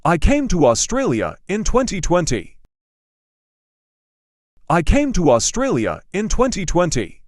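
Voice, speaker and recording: A polite man learner in a scripted practice dialogue, read by a man. His voice sits high for a man and moves a lot in pitch. Each line comes slowly and is carefully spoken. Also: wildly swooping pitch, no echo, studio quality, full character voice. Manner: slow, carefully enunciated, each line said twice. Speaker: dialogue reader.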